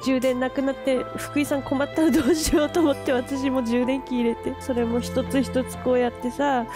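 A woman vlogging in a casual, chatty way, gushing and quick to laugh as she unboxes gear. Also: sits high, fairly even intonation. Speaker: camera vlogger. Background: background music.

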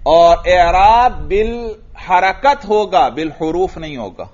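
A man with a Pakistani Urdu accent teaching Arabic grammar in a classroom lecture, asking questions and answering them himself, and reciting Arabic examples slowly. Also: high voice, lively intonation, a little mellow. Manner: drills students with questions and answers. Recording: dull lo-fi recording.

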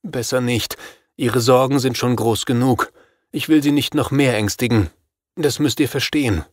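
In a studio-quality recording with no room sound, a man narrates an audiobook in a natural, mid-range voice at moderate speed. His character is a middle-aged father, anxious and agitated, desperately pleading out of fear for his son.

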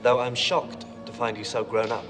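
An actor playing a fond older mentor who talks in a measured, gently chiding way. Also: male voice, medium pitch, flat delivery, big-room sound, music in the background, natural voice. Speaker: old family friend.

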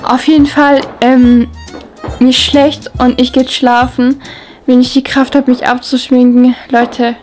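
A high-voiced young woman rambles to her vlog camera, sounding drunk and woozy. She speaks casually from close by in a small bedroom. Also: flat delivery, measured pace, darkish tone, soft background music. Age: young adult. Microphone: camera at arm's length.

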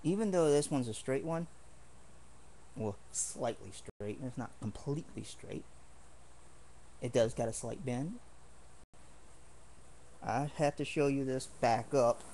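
Slow, rambling earnest man. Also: mid-range voice, dark tone, a little hiss or hum. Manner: rambling, earnest, with many restarts. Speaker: martial arts hobbyist showing swords. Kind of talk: casual home video demonstration.

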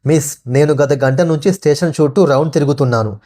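Calm, dismissive male station master, placating tone, read by a male narrator in a fairly high voice. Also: fast talker, lightly acted.

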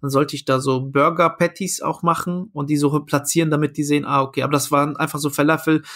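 A man's voice: fairly high pitch, flat delivery, fast, fairly bright tone. A young man, a comedian and food founder, telling a story casually in a podcast interview, acting out quoted dialogue with lots of fillers.

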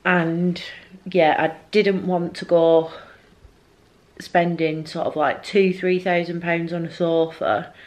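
A home vlogger from the North of England talks casually to camera in her living room, hesitant and musing. Her lowish voice is flat, and she takes it slowly.

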